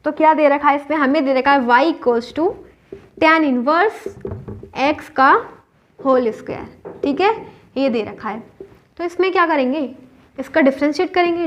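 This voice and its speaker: A woman maths teacher with an Indian accent explains a whiteboard lesson step by step, asking her own questions and answering them. Her voice is high-pitched, and the dull, lo-fi recording has slight background noise.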